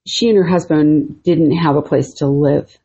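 A woman's voice: deep voice, steady tone, a little slow, mellow, husky. A middle-aged woman co-hosting a podcast, chatting casually and retelling a friend's spooky story with easy laughs. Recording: muffled lo-fi podcast audio.

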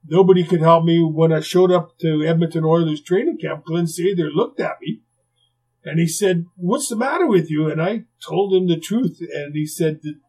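An older man, a retired hockey player, tells stories in an interview in a lively, conversational way, with frequent asides and acted-out quotes. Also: a little high, low-quality recording. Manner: lively, conversational, heavy on "you know" asides, acts out quotes. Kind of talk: anecdotal interview storytelling.

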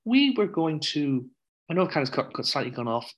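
An Irish man, a podcast guest, telling his own story in a frank, animated way, swearing freely and wandering off on tangents. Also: on the high side, a little fast, dull audio, a crowd in the background. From Ireland. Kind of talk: candid conversational storytelling.

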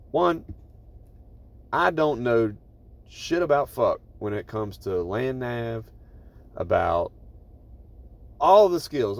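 A man's voice: fairly low pitch, gravelly. A man hosting his own podcast, recorded on a phone voice recorder app. He talks in a casual, rambling monologue that is blunt and profane, with frequent restarts. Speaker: podcast host. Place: inside his truck.

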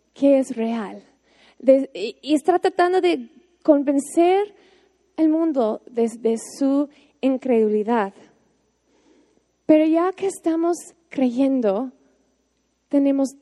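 A woman gives a relaxed spoken devotional in a high yet soft, mellow voice. She talks like she is chatting with friends and keeps adding fillers and little tag questions. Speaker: devotional speaker.

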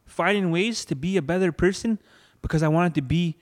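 Earnest man telling his story, slightly high. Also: fairly quick, long reverb tail. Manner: earnest, drops soft and low when moved. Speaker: interview guest. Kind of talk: emotional personal testimony. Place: room where he married.

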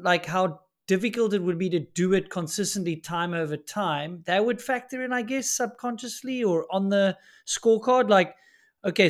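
A man hosting a podcast, easygoing and joking, thinking aloud as he asks questions. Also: high-pitched. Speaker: podcast host. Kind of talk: casual podcast interview.

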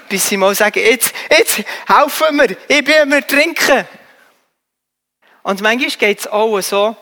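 A man preaching a sermon earnestly, pleading with his listeners and often pausing on filler sounds. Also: high voice, pushed and bright, in a large hall.

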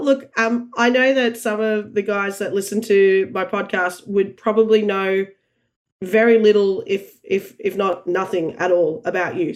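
A woman's voice: medium pitch, a little mellow. An Australian woman hosting a faith podcast, reading a scripted intro and then chatting eagerly with her guest. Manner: enthusiastic, earnest. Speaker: podcast host.

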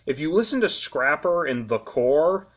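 A man's voice: fairly high pitch, sing-song, moderate pace, fairly bright tone. A man co-hosting a casual, conversational fan discussion. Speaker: podcast co-host. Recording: dull lo-fi audio.

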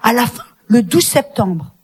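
A woman with a high, bright voice preaches, turning a personal story into fervent exhortation. She swells into shouted, half-sung climaxes and then drops low and quiet. She speaks straight to the women listening. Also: very animated, a little slow, slight background noise. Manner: addresses a women's audience directly. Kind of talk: sermon.

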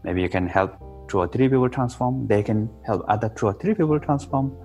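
Soft music plays behind a Nepali-accented meditation teacher from Nepal as he briskly tells stories in a relaxed, playful interview. His voice sits on the low side with a darkish tone, and his English is simple and broken.

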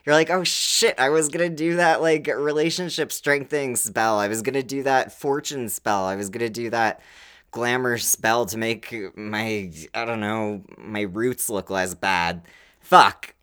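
A man's voice: mid-range voice, fairly even intonation, unhurried, a bit bright, clear, resonant tone. A man co-hosting a casual podcast from inside a closet, rambling, laughing often and swearing casually. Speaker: podcast co-host. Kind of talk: casual chat.

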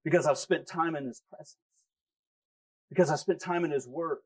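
A man's voice: on the high side, moderate pace. A man preaching a sermon as pastor, emphatic and repeating key phrases for effect. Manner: emphatic, repeats key phrases, talks back to his own flesh.

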